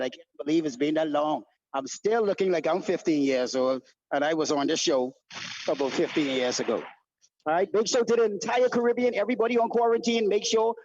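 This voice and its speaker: High-voiced Bahamian DJ hyping the crowd. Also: male voice. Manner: energetic, calls out to the crowd. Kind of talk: hype shout-outs to an audience. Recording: dull lo-fi sound with faint noise.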